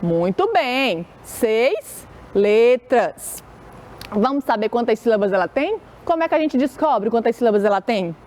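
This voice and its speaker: A woman teaching a televised children's reading lesson, drawing out syllables slowly and calling herself auntie. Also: fairly high pitch, very animated, a little mellow. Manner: slow, drawn-out syllables, calls herself "tia".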